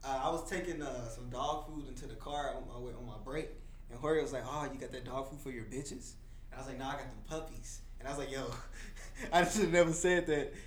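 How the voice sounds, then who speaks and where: A man's voice: mid-range voice, fairly quick. A young man bantering casually on a podcast in a slangy frat-bro manner, saying "bro" often. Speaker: podcast co-host. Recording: echoey room with faint noise.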